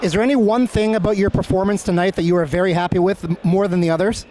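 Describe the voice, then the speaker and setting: High voiced guy doing a post-fight interview, friendly, chatty, bit of noise behind him. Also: fairly even intonation, fast, mellow. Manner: friendly, explanatory, complimentary. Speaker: sports interviewer. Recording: faint urban ambient noise behind.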